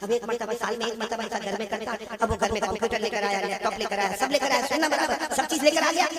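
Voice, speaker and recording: Male preacher, high voice, call-and-response with a big crowd; echoey, distant recording. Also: fast. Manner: leads the crowd in call-and-response chants, jokey storytelling. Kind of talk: religious sermon to a large gathering. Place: large public gathering. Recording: echoey hall, distant mic, loud crowd.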